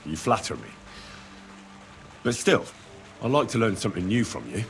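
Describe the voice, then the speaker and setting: An actor playing a polite, inquisitive young medieval hero asking for advice in a video game. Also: male voice, on the low side, very animated, normal speed, vocal fry, a little hiss or hum. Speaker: game protagonist.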